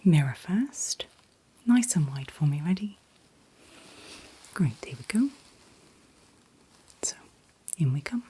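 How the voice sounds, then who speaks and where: A woman doing a whispered role-play as a calm dentist, speaking in a breathy whisper with gentle, reassuring, unhurried instructions. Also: lowish voice, low-quality recording. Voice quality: breathy, mostly unvoiced whisper. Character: calm, attentive dentist soothing a patient. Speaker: ASMR performer playing a dentist.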